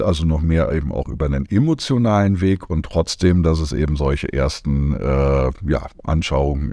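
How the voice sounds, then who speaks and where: Super deep middle-aged guy explaining stuff, lots of ums, dark dry sound. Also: no room sound. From Germany. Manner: thoughtful, many fillers and list-like explanations. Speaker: guest, media education consultant. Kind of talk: conversational podcast interview.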